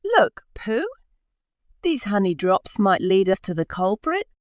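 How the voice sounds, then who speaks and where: A woman's voice: medium pitch, sing-song, a little slow, no echo, clean studio sound. A woman voicing an eager, helpful young girl explorer in a children's story.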